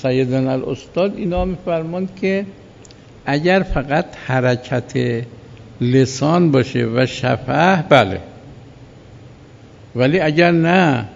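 A man with a gravelly, creaky voice lectures in the measured manner of a seminary teacher, pausing to ask his listeners if they follow. The sound is dull and lo-fi, with long reverb from a large hall. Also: medium pitch, a little mellow. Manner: explanatory, asks "right?" to check understanding. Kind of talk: jurisprudence lecture.

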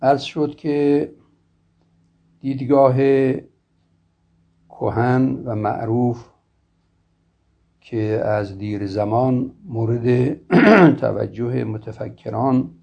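A man giving a formal philosophy lecture in a slow, measured, scholarly way, often clearing his throat. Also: mid-range voice, lively intonation. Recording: dull lo-fi recording.

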